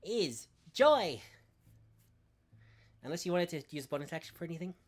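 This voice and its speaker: A woman's voice: on the low side, very animated, moderate pace, darkish tone. A woman running a tabletop game as game master, playful and often laughing.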